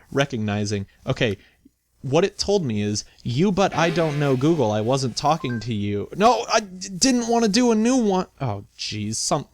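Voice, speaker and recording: A man's voice: fairly high pitch, sing-song, normal speed, no room sound. A man giving casual, chatty video game commentary, thinking aloud with playful mock indignation as he hosts. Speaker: video game let's play host.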